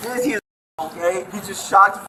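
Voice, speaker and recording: A man's voice: high voice, brisk, a crowd in the background, rough recording. A detained man outdoors, pleading and protesting to police officers. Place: outdoors by a truck. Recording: outdoor body cam audio.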